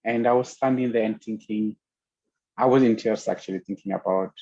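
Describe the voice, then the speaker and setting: A young man from Ethiopia, a guest on a video call panel, speaking earnestly and haltingly with frequent pauses. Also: medium pitch, gravelly, mellow, no room sound, lo-fi sound. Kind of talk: casual panel talk over video call.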